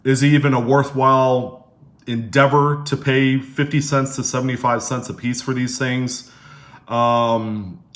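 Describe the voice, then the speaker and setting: A man hosting a casual hobby vlog, speaking haltingly and slightly slurred, with half his face numb from the dentist. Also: medium pitch, flat delivery, fairly bright tone. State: half of face numb after dental filling. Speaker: coin hobbyist video host. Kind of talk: casual hands-on vlog commentary.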